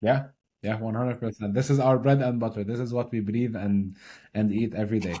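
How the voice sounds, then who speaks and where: A young adult man from Lebanon, a podcast guest who explains technical ideas in an energetic, casual way, often checking in with "right?". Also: fairly low pitch, brisk, breathy edge. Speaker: podcast guest, blockchain consultant. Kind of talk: casual explanatory interview talk.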